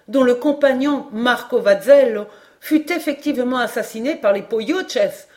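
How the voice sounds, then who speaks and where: A woman voicing an excitable learned geographer who explains things emphatically in an audiobook reading. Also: on the high side, pitched above the performer's own voice. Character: excitable, learned French geographer, middle-aged man.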